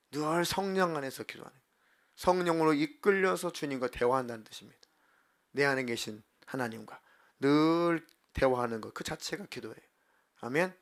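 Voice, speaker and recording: A male pastor preaching a sermon in church, acting out heartfelt prayers and swinging from soft to loud. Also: fairly high pitch. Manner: acts out prayers and inner voices with big swings in loudness. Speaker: senior pastor. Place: church sanctuary.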